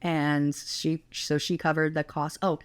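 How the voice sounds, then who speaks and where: A woman's voice: sits low, flat delivery, unhurried, clear, resonant tone, dry recording. A young woman co-hosting a podcast, telling a travel story in a chatty way full of fillers. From United States. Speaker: podcast co-host.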